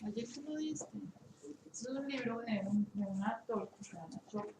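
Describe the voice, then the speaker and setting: A woman in a workshop retelling an anecdote, pausing and searching for words. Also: fairly high pitch. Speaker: workshop participant. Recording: echoey room, far from the mic, faint hiss.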